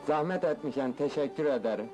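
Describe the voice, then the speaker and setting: An actor playing a playful, amorous village farmhand with a rural Anatolian accent, teasing and exclaiming in film dialogue. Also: male voice, medium pitch, fast talker, darkish tone, faint music behind, natural voice. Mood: smitten. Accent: rural Anatolian Turkish. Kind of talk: film comedy-drama dialogue. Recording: noisy old film soundtrack, outdoor ambience.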